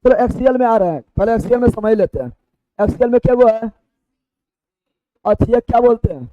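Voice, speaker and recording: A man's voice: extremely high pitch, expressive, quick pace, dry recording. A man teaching a lesson, speaking with a tinge and drilling terms over and over by question and answer. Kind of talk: call-and-response classroom lesson. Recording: dry, dull lo-fi recording.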